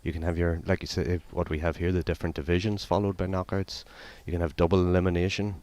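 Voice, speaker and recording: A man with a very deep voice speaks as a guest on a sports commentary. He explains things conversationally, in a plain and matter-of-fact manner. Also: little pitch movement, quick pace, a little mellow, no room sound. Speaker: guest co-commentator explaining his own product.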